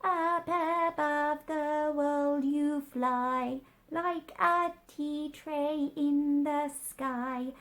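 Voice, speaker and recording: A woman voicing a haughty, eccentric man in a children's storybook, theatrical and aggrieved, with drawn-out words. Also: high-pitched, steady tone, a bit bright, pitched above the performer's own voice, heavily acted. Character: haughty, mad male Hatter, aggrieved and eccentric.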